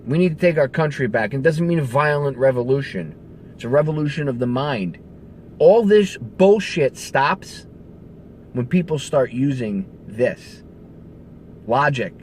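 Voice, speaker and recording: In a casual political rant to camera, a man takes on the role of a radio show host, speaking emphatically and conversationally with occasional swearing. His mid-range voice is slightly mellow, with lively intonation and a measured pace, over a little hiss or hum.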